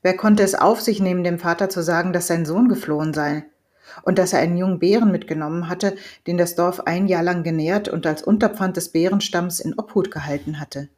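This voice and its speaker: Narrator: woman, lowish pitch, measured audiobook storytelling. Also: a little mellow. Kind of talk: audiobook reading.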